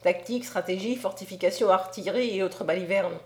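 A woman's voice: mid-range voice, a little fast, a little mellow, close to an everyday voice. A woman reading aloud as a scornful, hefty male angel prince in an audiobook, declaiming with mockery. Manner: mocking, declamatory.

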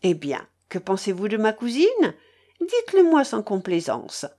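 A woman voicing a playful, teasing young noblewoman in a storybook, her pitch raised. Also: huge pitch swings, measured pace, warm tone.

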